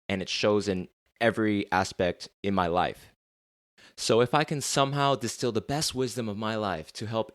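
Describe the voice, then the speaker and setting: With a low voice captured at studio quality and no room sound, this young man from the United States delivers a solo podcast monologue. He speaks candidly and earnestly about his own life, letting an occasional swear word slip.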